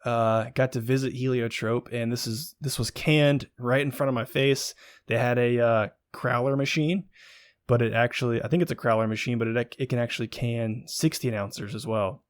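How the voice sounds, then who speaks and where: A man's voice: mid-range voice, steady tone, moderate pace, no room sound. A young man, co-hosting a casual beer-review podcast and rambling through his notes with plenty of ums. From Virginia, USA. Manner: rambling, chatty, lots of ums and likes. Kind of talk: casual chat.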